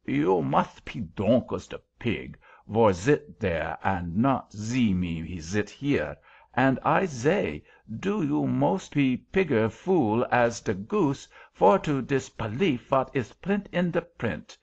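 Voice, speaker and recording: Cranky little angel creature, german accent, broken english, pitched up and swooping all over, audiobook sound a bit dull. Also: male voice, sing-song, creaky, darkish tone, slightly rough, exaggerated voice. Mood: scornful. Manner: blustering, broken English, drawn-out emphatic delivery. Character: bossy, irascible little creature, self-styled odd angel.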